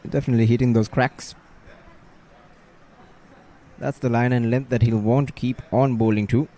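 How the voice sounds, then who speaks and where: A man's voice: mid-range voice, fairly even intonation, normal speed, warm tone. A man giving live cricket commentary, describing the bowling and the score.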